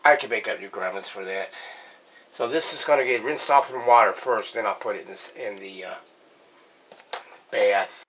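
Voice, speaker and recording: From his workshop, a vintage radio restorer chats plainly and informally through a hands-on restoration vlog. He has a lowish, fairly bright voice, speaks at a normal speed, and pauses often. The recording carries faint background noise.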